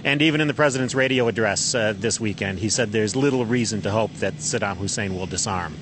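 A male news correspondent reporting live by satellite phone from outdoors, speaking haltingly with many fillers and repeated words. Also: lowish voice, noisy background. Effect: satellite phone line. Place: outdoors on an air base tarmac.

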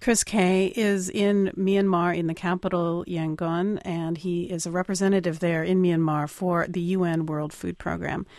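American woman, radio news interviewer, lower register, close dry sound. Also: flat delivery, normal speed, hardly any pauses, a little mellow, no room sound. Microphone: close studio microphone.

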